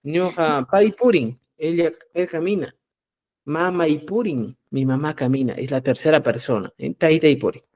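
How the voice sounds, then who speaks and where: A man's voice: on the high side, darkish tone. Man drilling words in a class. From Peru. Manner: checks understanding with repeated "¿ya?"; slow, emphatic drilling of example words. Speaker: Quechua language teacher. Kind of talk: live online language class.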